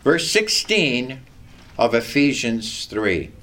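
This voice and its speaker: An older man delivers a sermon with personal testimony in a loud, carrying, mid-range voice. He speaks slowly and deliberately with a lively, swooping delivery, reading scripture aloud and shifting into animated personal stories.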